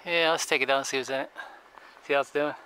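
A man's voice: medium pitch, steady tone, fast, pushed and bright, a little hiss or hum, rough recording. A man narrating casually to camera while hiking through a forest and checking a shelter, thinking aloud with many fillers. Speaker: outdoor vlogger. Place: outdoors in a forest and inside a tarp shelter.

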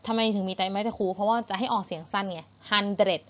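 A woman with a Thai accent teaching English to young pupils, patient and repeating each word slowly for pronunciation. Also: medium pitch, dull audio. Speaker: primary school English teacher. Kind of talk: online English lesson for children.

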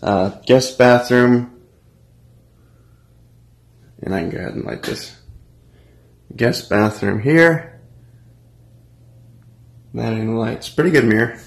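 A mid-range, creaky voice that goes slowly and pauses often belongs to an American vlogger in his twenties. He's giving an informal, laid-back tour of empty apartment rooms, talking into a phone at arm's length.

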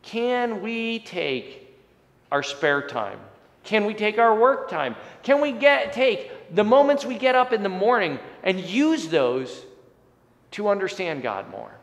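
This forties-aged pastor delivers a sermon and prayer in an earnest way, with rising and falling emphasis, inside a church sanctuary. His voice is high-pitched, slow and gravelly, with big pitch swings, recorded by a fixed chest-height camera amid long hall reverb.

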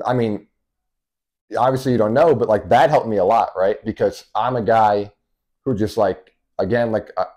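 Young man with a dark, low voice. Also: normal speed. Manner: direct, storytelling, many fillers. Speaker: guest, baseball coach. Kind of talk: casual interview. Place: small indoor studio room.

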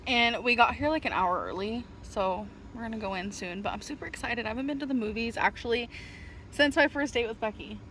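A chatty young woman with a drawl talks straight into a phone held at arm's length, her voice a touch high and giggly. Faint noise hums behind her. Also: a little fast, fairly bright tone. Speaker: vlogger. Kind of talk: casual vlog chat. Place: parked car, home and store. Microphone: phone camera at arm's length.

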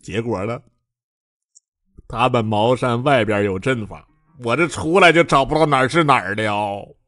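A man's voice: lowish voice, big pitch swings, measured pace, no room sound, faint music behind. A comic wuxia-storybook braggart, acted out by a man: a pompous, chubby sword master whose voice darts all over the place. He murmurs smugly at one moment and squeals in panic the next. The recording is dry and close. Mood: self-pitying. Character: pompous chubby male sword sect master, cowardly and whiny. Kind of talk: audiobook character voice.

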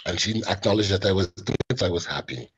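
A man with a low, very husky voice speaks from the heart, his words catching with tears. The sound is dull and lo-fi, like a video call. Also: expressive, quick pace. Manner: heartfelt, acts out quoted dialogue. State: tearful, voice breaking. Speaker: caregiver sharing his story. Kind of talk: personal testimony in a webinar.

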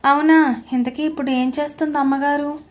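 A woman voicing a domineering middle-aged mother-in-law in an audio story, scolding and shouting. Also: high voice, flat delivery, brisk, pitched above the performer's own voice, lightly acted. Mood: scornful.

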